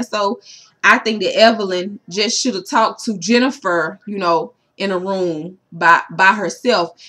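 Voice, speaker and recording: A woman's voice: on the high side, pushed and bright. A woman in a casual vlog, recapping a reality show episode for her viewers and saying "you know" constantly. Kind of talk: casual chat to camera.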